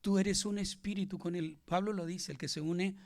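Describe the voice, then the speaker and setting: A man's voice: high voice, steady tone, moderate pace. A man, preaching a sermon as pastor and asking his congregation questions.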